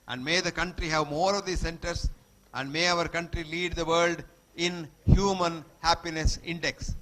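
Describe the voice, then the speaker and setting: A man's voice: on the high side, sharp tone, poor audio. A man with a Telugu Indian accent giving a motivational talk to children, speaking emphatically, repeating short maxims and checking that his listeners follow. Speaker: guest speaker addressing schoolchildren.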